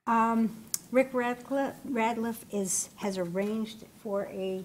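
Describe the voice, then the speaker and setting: A woman's voice: on the high side, slow pace, slight background noise. Woman chairing a public meeting. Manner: brief and welcoming.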